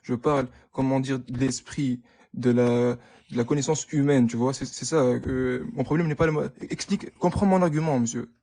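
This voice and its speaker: A young man with a soft-edged, mellow voice argues in a casual live debate. His French is broken, with stammered repeats and frequent searching for the right word. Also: mid-range voice, moderate pace. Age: young adult. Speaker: debate participant, student.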